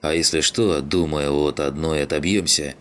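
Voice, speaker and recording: A man voicing a gruff, bossy male scavenger leader who swears and barks orders. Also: a bass voice, steady tone, moderate pace, a little hiss or hum. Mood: commanding. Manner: rough, swearing, barking orders.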